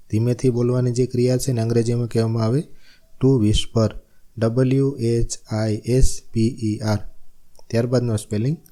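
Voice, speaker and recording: A man with a Gujarati accent teaches a spelling lesson with a very dark, mellow voice. He spells each word out letter by letter and repeats the meaning in a steady classroom rhythm. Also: medium pitch. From Gujarat, India.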